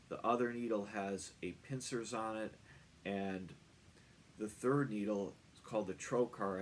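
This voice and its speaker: A man giving a personal vlog account as a patient, explaining plainly and matter-of-factly in short, measured phrases with pauses. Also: lowish voice, slight background noise. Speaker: patient recounting own eye surgery.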